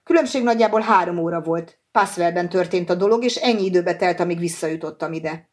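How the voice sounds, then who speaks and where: A cautious scientist explains himself in measured, careful sentences, read by a woman. He sounds like a middle-aged man who is thinking ahead, in a slightly low voice. It is a plain audiobook reading. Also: darkish tone, natural voice.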